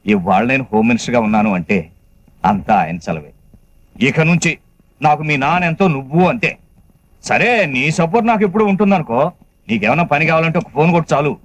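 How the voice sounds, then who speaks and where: An actor playing a politician who speaks in an ingratiating, promising way. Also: male voice, medium pitch, big pitch swings, a little fast, long pauses, no echo, muffled recording, lightly acted. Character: smooth-talking male politician making promises. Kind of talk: film dialogue.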